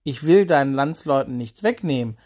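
A man's voice: mid-range voice, animated, moderate pace, a little mellow, close to an everyday voice. A man voicing a desperate foreign mother who begs for help for her sick daughter, in a spoken Bible story. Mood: pleading. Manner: urgent, begging.

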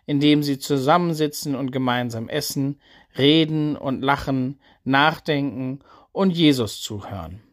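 A man telling a Bible story for children. He speaks in short, simple sentences with a gentle, steady storytelling manner. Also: fairly high pitch.

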